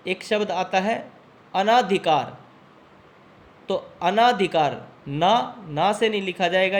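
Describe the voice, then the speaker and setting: A male teacher runs a spelling class for students preparing for exams. He talks at an unhurried pace in a fairly high voice, naming each word, correcting it and saying it again slowly. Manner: slow, deliberate, spells words out and repeats them. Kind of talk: spelling lesson for exam students.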